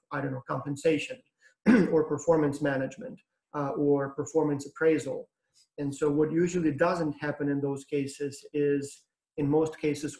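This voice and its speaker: A man in his thirties from Ukraine with a Ukrainian accent, giving a lecture to students over a webcam, relaxed and explanatory with frequent ums and uhs. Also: a little high, reverberant, rough recording. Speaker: professor. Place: room with brick wall and whiteboard. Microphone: webcam on video call.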